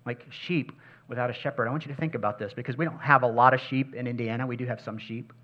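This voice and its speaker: A male pastor preaching a sermon, swinging between loud emphatic passages and hushed, intimate ones, and repeating key phrases for emphasis. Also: mid-range voice, fairly even intonation, fast, dull audio.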